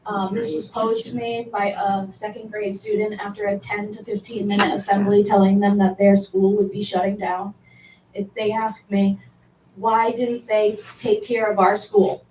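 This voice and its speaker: A woman teacher giving an impassioned public comment at a board meeting, halting and restarting as she speaks. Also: mid-range voice, darkish tone, recorded from a distance, a little hiss or hum. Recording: roomy hall, speaker away from mic.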